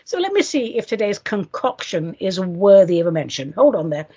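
A woman's voice: medium pitch, very animated, normal speed, dark tone, husky. A woman hosting a solo show in a playful, theatrical way, addressing listeners fondly. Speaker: show host.

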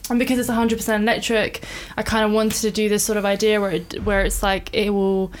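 Born in Iran and brought up in England, this film director in her 30s talks through her work in detail during a relaxed interview. Her medium-pitched voice stays level and moves fairly quickly, and her manner is thoughtful and informal.

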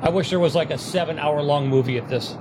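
A man in casual podcast chat, enthusiastic and quick with quips. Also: a little high, background noise.

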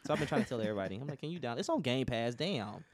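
A man hosting a casual podcast, talking in a lively, joking way. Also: mid-range voice, racing, no room sound, clean studio sound. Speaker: podcast host.

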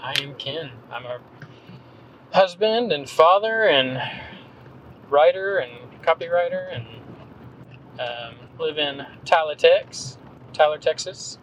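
A man's voice: fairly high pitch, lively intonation, slow pace, long pauses, a bit bright, slight background noise, poor audio. Hesitant rambling man from North Carolina. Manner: hesitant, rambling, frequent ums and restarts. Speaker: podcast guest, copywriter. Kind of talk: casual conversational interview.

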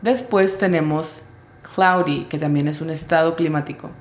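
A woman teaching English vocabulary in Spanish, spelling out each word's sounds slowly and carefully. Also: low-pitched, roomy sound. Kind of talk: vocabulary lesson.

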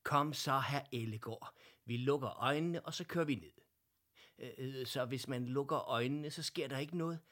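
A man voicing a cheerful, bold female teddy bear in a children's story, talking briskly and eagerly. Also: medium pitch, fairly bright tone, pitched above the performer's own voice, natural voice. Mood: eager, bossy. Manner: brisk and eager, sometimes stumbling.

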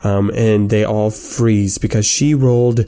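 A man narrating a tabletop game as game master, describing scenes in halting, improvised detail. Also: on the low side, fairly even intonation, mellow, clean tone.

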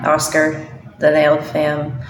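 A woman leaving a hurried, rambling voice message for a podcast, recorded in a hidden spot at work. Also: sits low, monotone, reverberant, distant mic, noisy background. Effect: recorded voice message played back. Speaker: listener sending a voice memo. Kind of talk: casual voice note.

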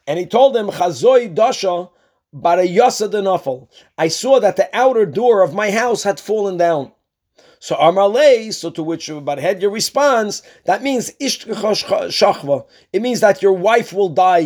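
A man's voice: sits high, darkish tone. A man. He reads a phrase, then explains it. He often restates a point in other words to make it plain. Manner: explanatory, repeats and rephrases points. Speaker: religious teacher, rabbi giving a Talmud class. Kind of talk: Talmud lesson, reading and explaining.

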